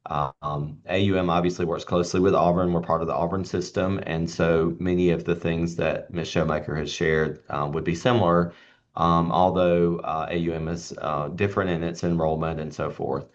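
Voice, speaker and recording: Male university official, very low voice, formal and slightly halting hearing presentation. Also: level tone, lo-fi sound. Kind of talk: formal prepared remarks with hesitations.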